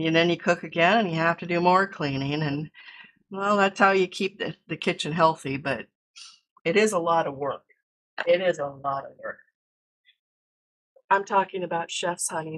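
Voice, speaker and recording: A woman's voice: on the low side, fairly bright tone. An American woman hosting a casual cooking livestream from her home kitchen, chatting and explaining each step as she cooks. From United States. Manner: chatty, explains steps while cooking and answers chat. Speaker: cooking stream host.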